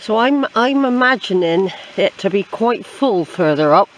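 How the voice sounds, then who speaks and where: An older English woman, a hiking vlogger, rambles on a woodland trail in a chatty, reflective way, repeating phrases as she goes. Her medium-pitched voice is animated with a measured pace, and the low-quality recording has slight background noise.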